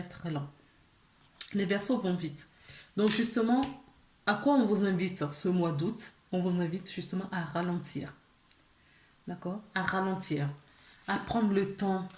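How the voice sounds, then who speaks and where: A woman's voice: medium pitch, echoey room. A woman giving a casual tarot reading to her viewers, chatty, with many fillers, restarts and small laughs. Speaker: tarot card reader.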